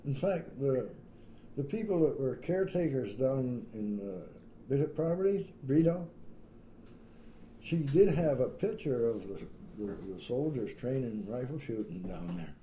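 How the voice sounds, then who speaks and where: Older man, dark rambling voice. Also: medium pitch, animated, measured pace. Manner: rambling, hesitant, many fillers, chuckling. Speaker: local elder recalling old times. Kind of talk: casual reminiscing conversation. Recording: roomy room echo, light noise.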